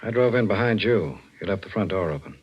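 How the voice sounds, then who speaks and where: A muffled vintage radio recording features a very deep, rough male voice. a tough, suspicious homicide cop, clipped and commanding as he interrogates. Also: expressive, fast. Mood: suspicious, accusing. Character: tough, blunt male homicide detective sergeant. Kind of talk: old-time radio crime drama acting.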